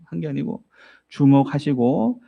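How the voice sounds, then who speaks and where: A male pastor preaches a sermon by telling a story vividly, acting out the characters' voices and putting rhetorical questions to the congregation. His mid-range voice is expressive, with vocal fry and a measured pace, over dull audio.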